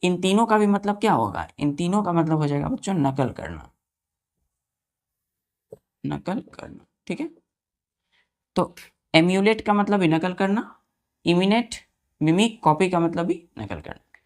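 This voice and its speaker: A woman teacher with a slightly low-pitched voice drills English vocabulary for exam students. She spells each word letter by letter, repeats its meaning several times and keeps asking the children whether it is clear. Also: lively intonation, measured pace, long pauses, a little mellow. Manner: asks the children questions and checks they follow.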